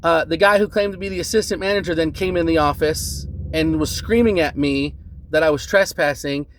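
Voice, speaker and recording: A man calmly recounting a bad encounter as a customer, earnest and measured, often adding "right?" and "um". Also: a little high, a little hiss or hum. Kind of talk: casual spoken account to camera.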